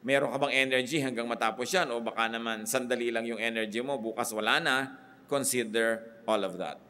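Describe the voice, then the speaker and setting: A man's voice: mid-range voice, a little fast, sharp tone. Emphatic middle-aged male preacher. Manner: emphatic, mixes Tagalog and English, builds points in lists. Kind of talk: sermon.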